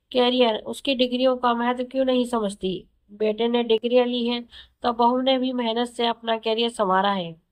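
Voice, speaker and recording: A woman narrating a first-person audio story in a calm, conversational storytelling manner. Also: on the high side.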